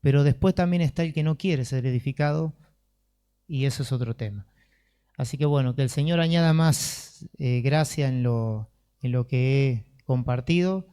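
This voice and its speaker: A man's voice: mid-range voice, moderate pace, warm tone, clear, resonant tone. A man preaching a sermon and leading a closing prayer, in an earnest, conversational way.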